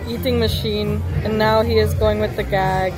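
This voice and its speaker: A woman's voice: medium pitch, flat delivery, normal speed, poor audio. A woman chatting casually as a vlogger's companion at a theme park eatery. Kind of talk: casual chat. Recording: music and crowd din behind.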